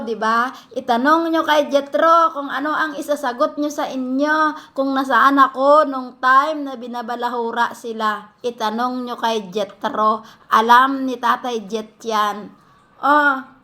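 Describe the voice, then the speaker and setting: A woman in a heated vlog rant, scolding her critics and firing off rapid rhetorical questions. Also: high voice, pushed and bright. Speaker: vlogger answering critics. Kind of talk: heated direct-to-camera rant.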